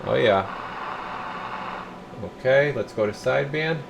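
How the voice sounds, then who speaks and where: The technician's voice is medium in pitch, unhurried and creaky, with noise behind it. He's in an indoor radio repair workshop presenting a bench test video, demonstrating hands-on in a relaxed, folksy style and sometimes muttering to himself mid-task.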